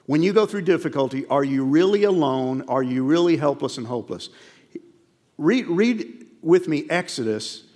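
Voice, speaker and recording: Man preaching a lively sermon in a hall. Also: medium pitch. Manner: animated storytelling, acts out dialogue. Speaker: pastor.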